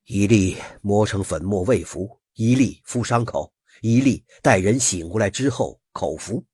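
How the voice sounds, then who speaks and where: A man voicing a stern middle-aged male snake-taming master in a folk story, gruff and commanding, in a husky voice. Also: fairly low pitch, lively intonation, a little slow, darkish tone, no room sound, clean studio sound, pitched below the performer's own voice, full character voice.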